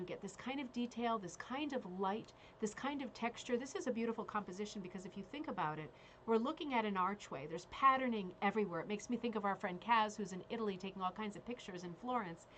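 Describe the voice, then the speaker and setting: A woman's voice: medium pitch, rough recording. A woman hosting a casual live craft show as bingo caller, chatting with frequent check-ins and reading out details. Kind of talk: casual live show chat with read-out descriptions. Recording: clearly audible background noise.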